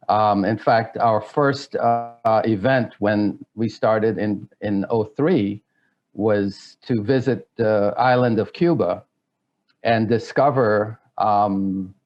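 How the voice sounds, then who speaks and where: A middle-aged man from Guyana gives an interview, speaking slowly and deliberately. His voice sits low, and he hesitates often and restarts his sentences. The audio is slightly dull. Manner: hesitant, many fillers and restarts. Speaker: guest. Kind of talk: interview answers.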